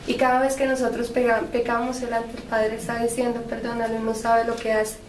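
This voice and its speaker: A woman's voice: fairly high pitch, monotone, brisk, a little hiss or hum. A woman in a church group giving a fluent, reflective talk on forgiveness. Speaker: prayer group member. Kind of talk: religious reflection in group discussion. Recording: echoey room, mic far off.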